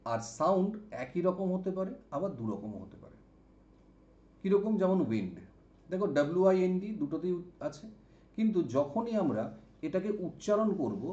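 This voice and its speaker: A man teaching an exam-prep English vocabulary lesson, explaining slowly, repeating example words and checking understanding with "okay?". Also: a little high, warm tone. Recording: dull, echoey room sound.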